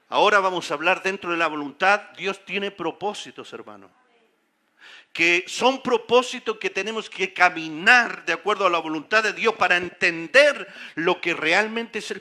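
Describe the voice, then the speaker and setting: Pastor guy preaching in church, high voice, really bright and sharp, keeps firing questions at the crowd. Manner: emphatic preaching with rhetorical questions to the congregation. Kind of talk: sermon. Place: church sanctuary.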